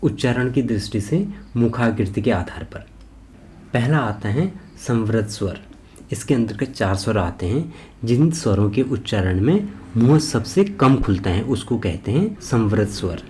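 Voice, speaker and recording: A man giving an exam-prep grammar lesson, slow and methodical, spelling out each sound one by one and answering his own questions. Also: medium pitch, lively intonation, dark tone, a little hiss or hum. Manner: asks a question and then answers it himself. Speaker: teacher.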